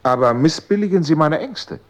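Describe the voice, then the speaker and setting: A man's voice: on the high side, animated, moderate pace, close to an everyday voice. An actor playing an anxious, pleading man in a 1960s radio drama.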